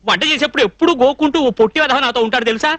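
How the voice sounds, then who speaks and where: An actor dubbing a naive, fussy young male cook in a film comedy, scolding and quick-tempered. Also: very high voice, sharp tone, dry recording. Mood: indignant. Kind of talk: dubbed film comedy acting.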